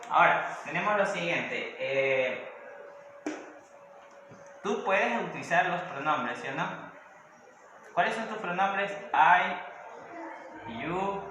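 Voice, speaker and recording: A man teaching a grammar lesson, explaining step by step and often checking in with questions. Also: on the high side. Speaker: English teacher. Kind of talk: recorded classroom lesson. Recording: echoey room with faint noise.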